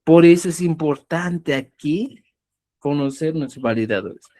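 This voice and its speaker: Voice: mid-range voice, unhurried, dark tone. A teacher gives a lesson, stressing example words and checking in often with the listeners. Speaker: Quechua writing teacher. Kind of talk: explanatory lesson.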